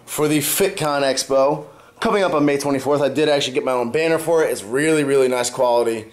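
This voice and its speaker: Talking casually to camera, a young male fitness vlogger walks his viewers through things step by step at a fast clip. His medium-pitched voice is stuffed up from a cold and partly going.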